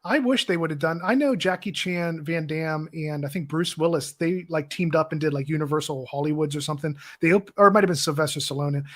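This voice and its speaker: Man, fairly high voice, podcast co-host, loose rambling film talk. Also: fairly quick, hardly any pauses, a bit bright. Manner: rambling, with many "like" fillers. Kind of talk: casual film chat.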